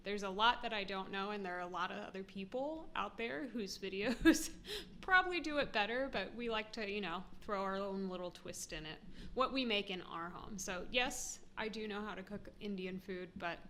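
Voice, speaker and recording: A woman's voice: mid-range voice, moderate pace, sharp tone, slight background noise. Giggly American woman vlogging. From United States. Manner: chatty, giggly, self-deprecating. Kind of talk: casual talk to camera.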